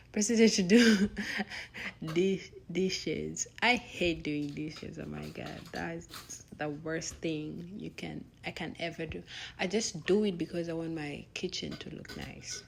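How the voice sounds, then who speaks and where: A woman's voice: fairly low pitch, takes it slowly, gravelly, a little hiss or hum. A young woman, chatting casually as she narrates her own vlog, laughing now and then and restarting words. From Uganda. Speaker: vlogger.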